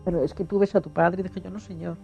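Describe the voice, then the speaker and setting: Older woman with a gravelly, dark voice. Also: lowish voice, steady tone, fast, lo-fi sound, soft background music. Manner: vivid storyteller, acts out the voices in her memories. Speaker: witness in a documentary. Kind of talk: personal recollection.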